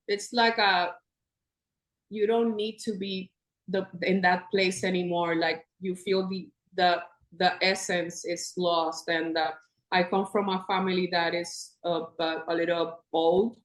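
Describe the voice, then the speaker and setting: A woman in her fifties from Puerto Rico, a podcast guest in casual conversation, animated and laughing often as she talks. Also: medium pitch, unhurried. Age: 50s. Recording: echoey room.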